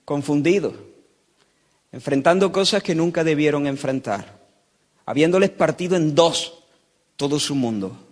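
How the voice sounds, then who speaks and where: A man from Spain preaching a sermon as pastor, swinging from quiet, low passages to loud, impassioned pleading. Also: lively intonation, a little slow, pauses often. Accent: Spain Spanish. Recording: long hall reverb.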